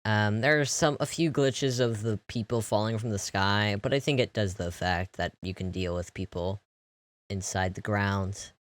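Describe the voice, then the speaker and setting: A young man casually narrating a walkthrough of his game build, relaxed and rambling with lots of fillers. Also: on the low side, normal speed. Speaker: video creator.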